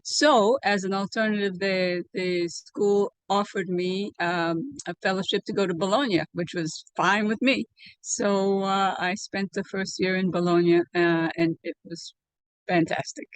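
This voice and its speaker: An older woman from Liberia, recounting her past in an oral history interview over a video call, speaking in a measured way with many fillers. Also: mid-range voice, fairly even intonation, dry recording. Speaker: interviewee, alumna. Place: home room, indoors. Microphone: video call webcam.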